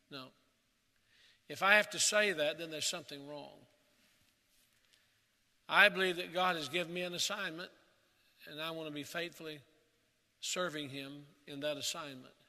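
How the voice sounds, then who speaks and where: Pastor preaching at a pulpit mic, earnest and measured, sometimes hushed, in a reverberant sanctuary. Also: male voice, a little high. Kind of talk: sermon.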